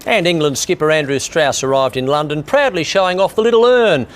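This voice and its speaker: A male sports newsreader reads from a script in a fairly high voice. There is faint ambient noise behind him. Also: a little fast. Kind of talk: scripted news reading.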